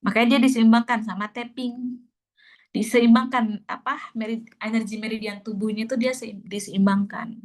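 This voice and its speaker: A woman's voice: on the high side, fairly even intonation, moderate pace. A woman teaching a class in a casual, chatty and emphatic way, repeating her points. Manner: chatty and emphatic, repeats herself, many fillers. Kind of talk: casual spoken lesson.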